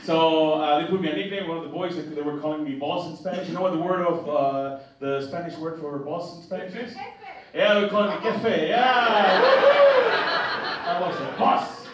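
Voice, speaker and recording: A crowd can be heard behind a young Mexican-accented comedian whose voice runs high and whose pace is moderate. His theatre stand-up set is chatty and loose, with stumbling restarts and self-amused laughter; the hall is echoey, the mic distant, the recording noisy.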